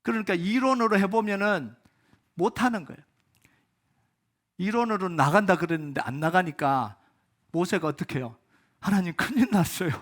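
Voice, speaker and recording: High-voiced, animated Korean pastor preaching. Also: male voice, moderate pace, pauses often. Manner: animated preaching, swinging from loud emphatic peaks to low quiet asides. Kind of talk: sermon at a Friday prayer meeting. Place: church sanctuary.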